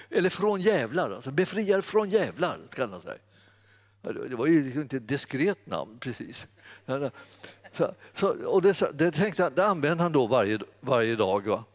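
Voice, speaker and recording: A man's voice: medium pitch, big pitch swings. Guy preaching a story, keeps correcting himself and chuckling, average voice. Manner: rambling, self-correcting, chuckling often. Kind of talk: anecdotal sermon storytelling.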